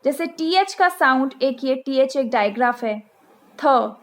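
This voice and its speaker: A woman from India hosting a channel, teaching phonics to parents and spelling letters out and repeating sounds slowly, with an Indian accent. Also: sits high, lively intonation, fairly bright tone. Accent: Indian English. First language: Hindi.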